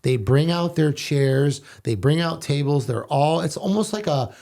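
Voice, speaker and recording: An older man hosting a local city talk show, enthusiastic and halting, with many restarts. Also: on the high side, animated, gravelly, warm tone. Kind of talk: casual chat.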